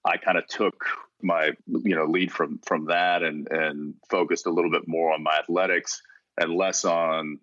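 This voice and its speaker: Very deep-voiced man, dry lo-fi sound. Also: dry recording. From Texas. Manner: relaxed, rambling with frequent restarts. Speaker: actor being interviewed. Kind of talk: casual interview conversation.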